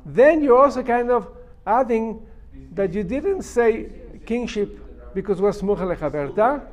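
High-voiced New man teaching. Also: lively intonation, a little slow. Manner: emphatic, repeats and explains step by step. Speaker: rabbi teaching a Talmud class. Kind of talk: religious lesson, reading and translating a text phrase by phrase.

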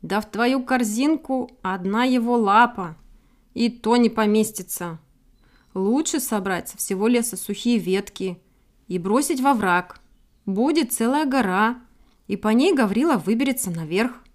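A sensible hare, as a woman reader puts her on, making her case in a calm, persuasive way. Her voice sits fairly high. This is a storybook reading. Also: measured pace, lightly acted. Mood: reasoning. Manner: reasoning, persuasive. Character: sensible, reasoning female hare.

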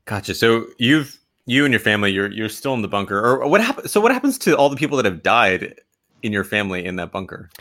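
A man with a low but bright, sharp-edged voice hosts a comedy interview. He questions his guest in a probing, mock-incredulous way. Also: very animated, fast. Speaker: podcast host.

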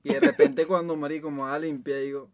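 A man's voice: fairly high pitch, fairly even intonation, quick pace, dry recording. A young Venezuelan man in casual chat, telling a story breathlessly and filling it with slang interjections.

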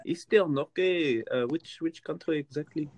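A man hosting a casual podcast who talks hesitantly and often pauses on fillers. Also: a little high, a little mellow, dull audio. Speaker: podcast host.

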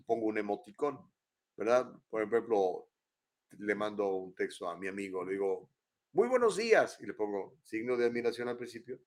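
Older mexican guy hosting a live show from home, rambly chatty talk, lots of tag questions. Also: lowish voice. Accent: Mexican Spanish. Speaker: host. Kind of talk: casual live-show chat. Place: his home.

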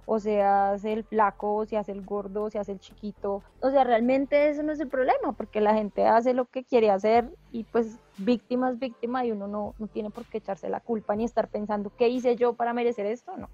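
A woman hosting a talk, calmly going through tips one by one. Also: a little high, moderate pace, few pauses. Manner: explains step by step, calm and reassuring. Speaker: podcast host giving advice. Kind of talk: casual advice talk, listing tips. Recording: dull, dry, slightly lo-fi audio.

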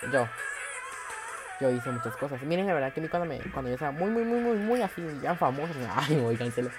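Hombre chismoso y dramático, acento centroamericano. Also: male voice, animated, brisk, music in the background. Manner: dramatic, gossipy and boastful, with big swings in pitch and loudness. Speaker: podcast host. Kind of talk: casual monologue podcast.

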